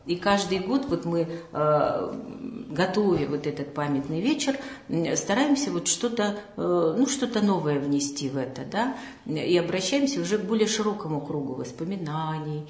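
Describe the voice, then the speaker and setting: A woman with a very low voice answers interview questions about her house museum. She speaks hesitantly and fills her pauses with many sounds. The room around her rings with a noticeable echo. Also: animated, a little mellow. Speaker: house museum staff member. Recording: roomy echo.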